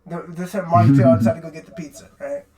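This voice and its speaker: A man's voice: a little high, sing-song, fast, darkish tone. A young man, a podcast co-host, telling a rambling, profane story in casual chat and tagging "right?" onto his sentences.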